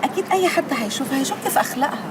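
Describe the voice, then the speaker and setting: An actress playing an Egyptian university student who scolds her suitor with sharp words. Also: high-pitched, expressive, very fast, background noise. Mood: irritated.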